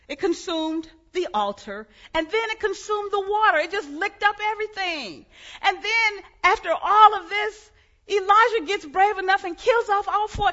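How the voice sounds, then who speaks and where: A woman preaching a sermon, telling the story with lively humor and dropping into hushed, quiet passages. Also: extremely high pitch, muffled recording.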